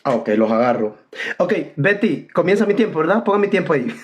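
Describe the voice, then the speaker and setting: Combative man debating with a lively voice. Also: fairly high pitch, a little fast. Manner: combative, repeats the opponent's name, rhetorical questions. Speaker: preacher in a debate. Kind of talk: heated online debate.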